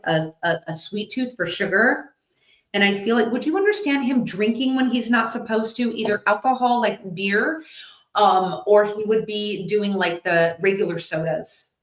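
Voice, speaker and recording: Chatty lady medium doing a live reading, talks her thoughts out loud, roomy kinda dull audio. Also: mid-range voice. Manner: chatty, thinks out loud while relaying messages. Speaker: psychic medium. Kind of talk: live spirit reading for an audience. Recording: echoey, slightly dull recording.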